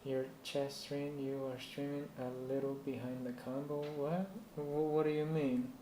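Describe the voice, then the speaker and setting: A Puerto Rican man whose native language is Spanish hosts a live stream offering PC troubleshooting advice, rambling and thinking aloud as he reads chat. His voice is a little high, level, slightly slow and warm, in an echoey room with faint noise.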